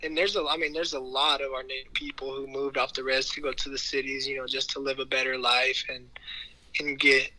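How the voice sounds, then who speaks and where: Very bright-voiced man, encouraging podcast guest. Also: mid-range voice, level tone, brisk, rough recording. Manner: encouraging, repeats himself. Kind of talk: casual conversation.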